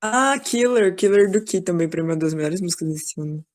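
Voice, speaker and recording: A woman's voice: fairly low pitch, lively intonation, fairly quick. A woman, chatting casually and enthusiastically in an online class over a video call.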